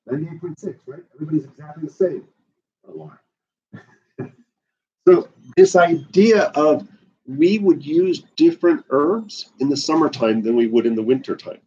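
A middle-aged man from the Bahamas teaching an herbalism class indoors, animated and gesturing a lot while he paces, recorded by a camera at a distance. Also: a little high, moderate pace, breathy edge, muffled recording. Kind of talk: lecture to a class. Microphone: far camera on the floor.

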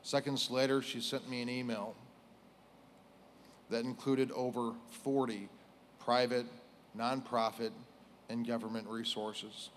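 An American man in his forties delivers a prepared funeral speech in a solemn, measured way, pausing between short phrases as a police chief at a lectern. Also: medium pitch, level tone, slight background noise. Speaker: police chief giving a eulogy. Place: indoors on a stage at a lectern. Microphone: lectern microphone.

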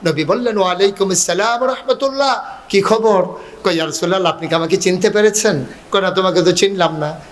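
High-voiced man preaching in sing-song. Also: a little fast. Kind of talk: sermon storytelling. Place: outdoor religious gathering.

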